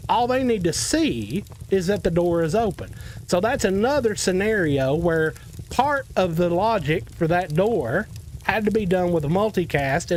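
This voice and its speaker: A man's voice: high voice, a little hiss or hum. A man with a Southern US accent hosting a casual game development tutorial stream, rambling and talking straight to his viewers with joking asides. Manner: rambling, talks to viewers, self-deprecating asides.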